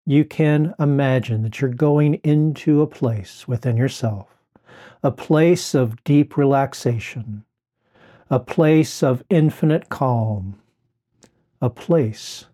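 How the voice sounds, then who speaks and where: Man, guided relaxation, very slow, soothing drawn-out phrasing, warm dark tone. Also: mid-range voice.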